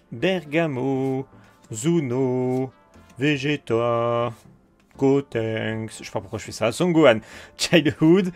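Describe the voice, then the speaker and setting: Casual male card-opening host, a bit high-pitched, excitable, soft music bed. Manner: excitable, hyped, roll-calling card names. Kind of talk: casual booster opening commentary.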